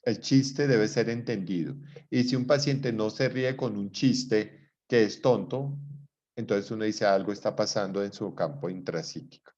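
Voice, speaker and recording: A man's voice: lowish voice, measured pace, darkish tone. A middle-aged man giving an online lecture, explaining at length and often checking that his listeners follow. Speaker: lecturer in psychology. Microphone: video call. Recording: dull video-call audio.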